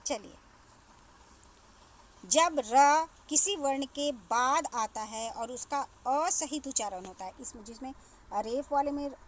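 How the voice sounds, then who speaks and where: A woman teacher explaining a grammar lesson to children, slowly spelling out sounds and repeating words. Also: sits high. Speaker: school teacher. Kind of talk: classroom lesson.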